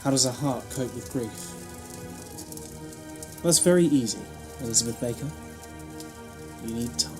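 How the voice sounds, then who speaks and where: An actor plays a reflective male time traveller in an audio drama, speaking in a measured, theatrical way. The voice is medium in pitch, with music clearly playing behind. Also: natural voice. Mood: reflective, grave. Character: the Doctor, philosophical alien time traveller, reflective.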